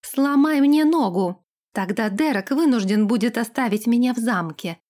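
For an audiobook, a woman with a fairly high voice speaks a little fast, lightly acting the part of a spoiled, imperious young princess. She is haughty and sharp-tongued, snapping out orders in a commanding tone.

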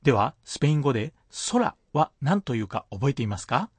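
Lively, husky male language teacher. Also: mid-range voice, a little fast, no room sound. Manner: patient, explains pronunciation point by point. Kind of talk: radio language lesson explanation.

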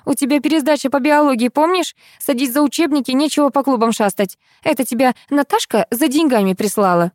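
A loud middle-aged mother who scolds without pause, her voice shrill and indignant, as a woman reads her. She sits high in pitch and sounds close and dry. A storybook scold through and through. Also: no room sound, natural voice.

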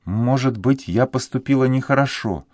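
A man's voice: medium pitch, normal speed, no echo, studio quality, pitched above the performer's own voice, close to an everyday voice. A man doing a sad young girl, raised voice. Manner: sad, pleading, soft-spoken. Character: sorrowful sixteen-year-old girl in love.

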